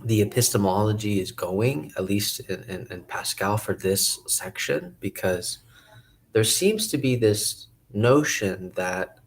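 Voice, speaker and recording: Man, very low voice, slow, hesitant, thinking aloud, casual to-camera musing. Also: a little hiss or hum. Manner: hesitant, thinking aloud with many pauses and restarts. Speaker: video essayist.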